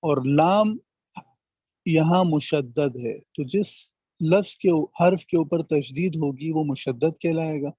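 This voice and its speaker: A man leads an online grammar lesson over a video call, saying each term slowly and repeating it. His voice sits a little high, and the audio is dull and dry, like a call through a computer mic. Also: mellow, breathy edge, no room sound. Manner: slow, repeats terms and drills examples. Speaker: Arabic grammar teacher.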